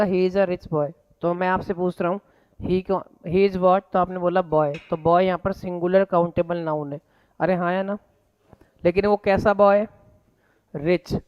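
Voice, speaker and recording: Indian-accented male teacher, classroom lecture, smooth voice, slightly dull lo-fi sound, quizzing students. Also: high-pitched. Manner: drills students with repeated questions; mixes Hindi and English. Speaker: English teacher.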